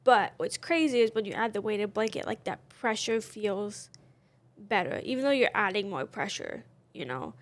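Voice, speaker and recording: Candid and chatty, this podcast co-host fills her casual conversation with lots of fillers. She has an expressive, mid-range voice and speaks at a moderate pace.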